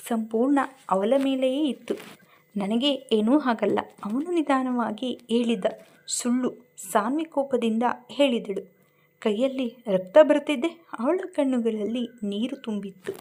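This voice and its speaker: A woman's voice: on the high side, a little mellow. A woman narrating a romantic drama story from a script, reading expressively.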